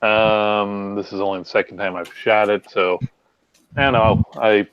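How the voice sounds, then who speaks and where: A man's voice: fairly low pitch, flat delivery, a little slow, smooth, dry recording, highs cut off. A man hosting a casual livestream group chat on a video call, joking crudely and talking about guns. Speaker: host.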